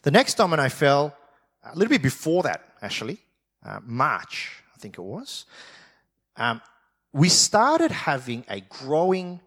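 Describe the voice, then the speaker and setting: A pastor giving a conversational sermon, telling a story with frequent rhetorical questions and "right?" check-ins. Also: male voice, fairly high pitch, wildly swooping pitch, measured pace, fairly bright tone. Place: church.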